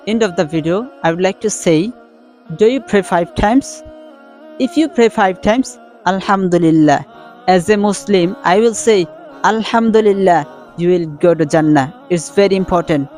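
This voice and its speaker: A man from Bangladesh with a Bangladeshi accent, a Bengali speaker teaching English pronunciation in a casual lesson, repeating each word several times. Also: sits high.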